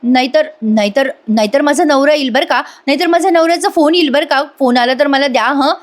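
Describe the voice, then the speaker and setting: A woman's voice: high voice, brisk, pitched above the performer's own voice, close to an everyday voice. A woman voicing a pleading young prisoner wife. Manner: pleading, repeating herself, stammering. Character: desperate young woman prisoner longing for her husband.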